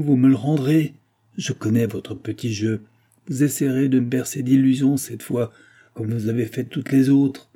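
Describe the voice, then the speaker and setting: A man voicing a desperate, bitter brewery clerk who talks hoarsely and accuses in near-hysterical outbursts. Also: mid-range voice, mellow. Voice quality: hoarse, breathless.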